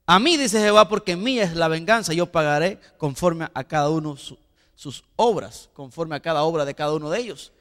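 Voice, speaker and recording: A pastor preaches an emphatic sermon, asking the congregation rhetorical questions and repeating words. His voice sits high with a sharp tone, and there is long hall reverb.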